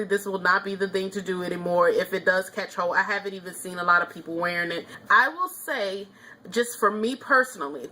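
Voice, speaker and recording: A woman's voice: medium pitch, sharp tone. A woman vlogger giving a casual, chatty nail polish review, opinionated, with frequent ums and small laughs.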